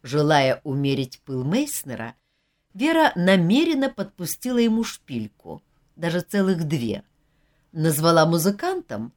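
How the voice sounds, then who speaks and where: A woman reading a novel aloud as an audiobook narrator, with expressive storytelling. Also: medium pitch. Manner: expressive storytelling, lively intonation. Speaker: audiobook reader.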